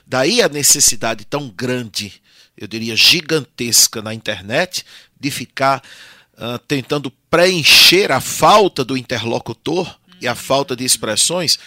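Bright-voiced man explaining like a teacher. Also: mid-range voice, expressive, a little slow, no echo, clean studio sound. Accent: Brazilian Portuguese. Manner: didactic, often adds tag questions. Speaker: Portuguese language teacher, guest. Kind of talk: explanatory podcast conversation.

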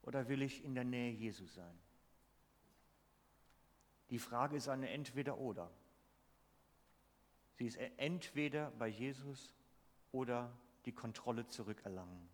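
In a church hall with a long, lingering reverb, a preacher from Switzerland delivers an emphatic sermon, questioning his congregation. His mid-range voice is animated, yet he moves at a measured pace with long pauses.

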